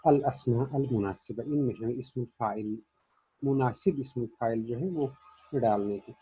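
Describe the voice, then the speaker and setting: Male language teacher, warm and slightly raspy, methodical question-and-answer drilling. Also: mid-range voice, moderate pace, muffled recording. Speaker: Arabic grammar teacher. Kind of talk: classroom grammar lesson.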